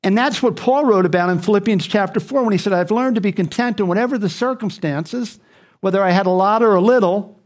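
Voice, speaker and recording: A man's voice: high-pitched, brisk. A man preaching a sermon, speaking earnestly and repeating key phrases for emphasis.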